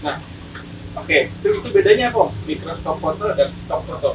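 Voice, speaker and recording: A man's voice: on the high side, huge pitch swings, fairly quick. A man hosting a casual podcast interview, speaking slightly muffled through a face mask. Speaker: podcast host. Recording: distant mic, clearly noisy room.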